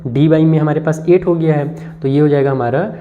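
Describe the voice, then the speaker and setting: A man's voice: fairly high pitch, steady tone, moderate pace. A man teaching a maths lesson, explaining step by step and speaking directly to his students. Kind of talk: classroom math lesson. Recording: dull lo-fi recording.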